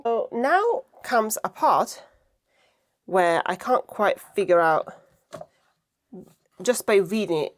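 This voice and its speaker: A woman chatting casually and reflectively to camera while she does crafts, thinking aloud as she goes. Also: on the low side. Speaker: craft vlogger.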